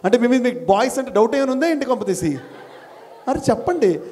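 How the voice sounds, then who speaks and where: A man's voice: extremely high pitch, animated, quick pace. A middle-aged man, a school principal, gives a motivational talk to college students, firing questions at them and repeating phrases in rhetorical chains. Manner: fires questions at the audience and urges them to answer louder. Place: college hall before students.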